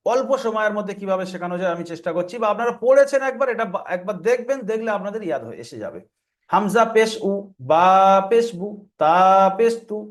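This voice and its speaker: A man with a high voice and quick delivery gives a step-by-step Quran reading lesson. He explains each rule plainly, then chants letter sounds over and over to drill them.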